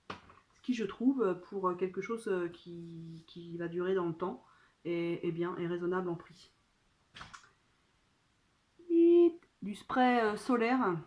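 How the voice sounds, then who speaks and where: A woman chatting casually to her phone during an unboxing, talking in a hesitant way full of fillers. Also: medium pitch. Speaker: vlogger. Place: at home.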